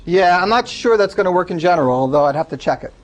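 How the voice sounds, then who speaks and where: A man's voice: high voice, expressive, fast. A man lecturing a class, explaining step by step and taking student questions.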